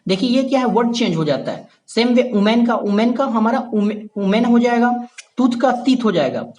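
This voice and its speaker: A man's voice: very high-pitched, lively intonation, fairly quick, a little mellow. A man teaching a basic grammar lesson who repeats key points, checks in with listeners and calls them his dear friends. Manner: addresses viewers as "my dear friend".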